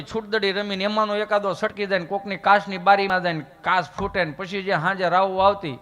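Comic storyteller: a man, high-pitched and folksy, on a stage in a hall with a long echo. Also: fairly bright tone. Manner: folksy, voices characters in anecdotes. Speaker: comedian. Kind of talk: comic storytelling to a live audience.

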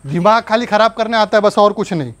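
A man's voice: high voice, animated, a little fast, fairly bright tone, no room sound. A man staging an angry argument at home, scolding and threatening someone. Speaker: prankster husband.

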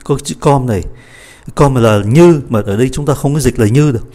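A man teaching French pronunciation, slowly modeling each phrase and then explaining it. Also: mid-range voice, dark tone. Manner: slow, deliberate model readings of French phrases between quick explanations. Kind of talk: pronunciation lesson.

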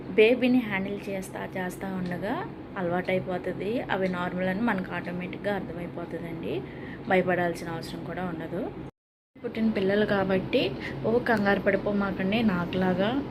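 A woman's voice: mid-range voice, noisy background. A young woman, a mother, talking casually and earnestly to viewers, reassuring them and listing newborn-care tips one by one. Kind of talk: casual spoken vlog advice.

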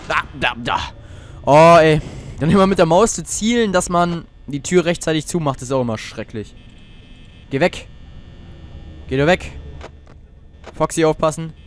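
A man's voice: on the high side, expressive, normal speed, long pauses. Jumpy teenage boy gaming, swearing. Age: teens. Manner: jumpy, swears a lot, talks to viewers. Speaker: let's player. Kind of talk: horror game commentary.

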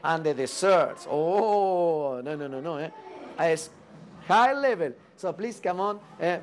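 A middle-aged native Spanish-speaking man with an Argentine accent, presenting to camera off the cuff as an upbeat, animated cruise host with emphatic repetition. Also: on the high side, a little hiss or hum. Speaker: cruise ship activities manager and TV host. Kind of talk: unscripted promotional presenting to camera. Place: indoors at a ship restaurant entrance. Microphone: lapel.

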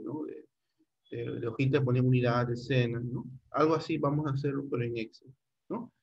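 A man's voice: medium pitch, husky, highs cut off. A middle-aged man teaching a computer class online, guiding students step by step and checking in often.

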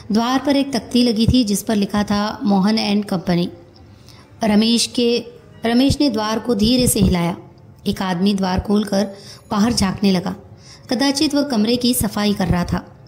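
A woman narrating a storybook in a steady, measured reading voice. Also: mid-range voice, poor audio.

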